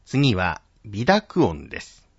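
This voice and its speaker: Man slowly drilling pronunciation. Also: lowish voice, wildly swooping pitch, breathy edge, no echo, dull audio. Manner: slow, careful enunciation of syllables. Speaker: pronunciation teacher.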